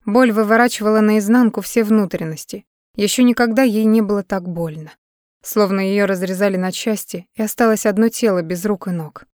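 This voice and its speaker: A woman's voice: mid-range voice, brisk, a little mellow, no echo, studio quality. A woman narrating a dramatic novel in a scripted audiobook reading.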